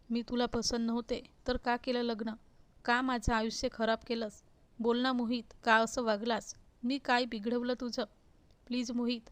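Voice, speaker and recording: A woman's voice: a little high, no echo, close to an everyday voice. A woman reading the part of a hurt young wife who pleads and reproaches.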